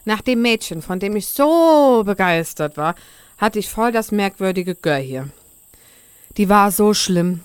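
A woman's voice: mid-range voice, expressive, unhurried, clean tone, no echo, studio quality, close to an everyday voice. A woman voicing Frau Holle, a chatty, gossipy ancient housewife, in a comic radio play.

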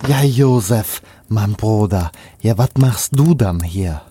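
A man's voice: lowish voice, animated, slow pace, background noise. A man voicing a homely, hesitant brother who hosts a feast. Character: homely brother who keeps a magic table. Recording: clear music behind.

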